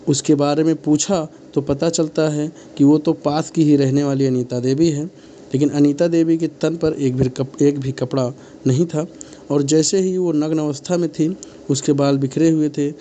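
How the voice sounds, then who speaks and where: A man's voice: on the high side, mellow, slight background noise. A man narrating a true crime story in a loose, unscripted way, often restarting his sentences.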